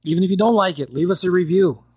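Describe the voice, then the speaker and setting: Male podcast host, breathy and upbeat, dry close mic. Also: high-pitched, fast talker, darkish tone, no echo. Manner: chatty, upbeat, laughs while talking. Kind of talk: casual podcast interview.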